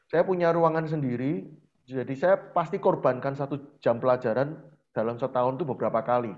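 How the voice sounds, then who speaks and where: A man's voice: mid-range voice, brisk, muffled recording. Man with speech, storytelling teacher. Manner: lively storyteller who often acts out dialogues. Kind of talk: conversational interview storytelling.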